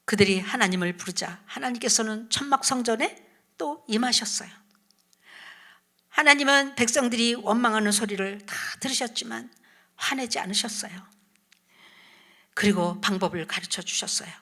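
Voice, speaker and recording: Bright-voiced woman telling a children's Bible story. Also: fairly high pitch, normal speed, pauses often. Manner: animated storytelling with questions to children and soft whispered asides. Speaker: children's ministry evangelist.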